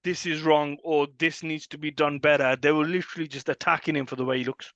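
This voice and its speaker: A man co-hosting a casual podcast, joking and teasing in quick banter. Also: fairly high pitch, level tone, a bit bright, dry recording. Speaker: podcast co-host. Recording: dry, slightly dull sound.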